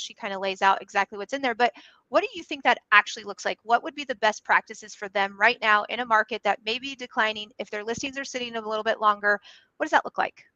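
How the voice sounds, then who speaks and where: This is a woman hosting a casual interview about real estate coaching. She is chatty and asks long run-on questions. Her voice sits a bit high with a bright edge. The sound is dull and lo-fi, with no room echo.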